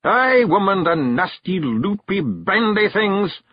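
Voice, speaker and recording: A man's voice: high voice, big pitch swings, slow, no room sound, voice pushed up, heavily acted. A man voicing a small, stubborn Scottish fairy clan chief who growls and blusters, in a dull, dry recording. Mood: grumbling.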